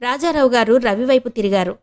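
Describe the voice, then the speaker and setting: A woman from Andhra Pradesh, India, reading a novel aloud as an audiobook narrator. Her delivery is steady and expressive, and her voice sits somewhat high. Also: a little fast.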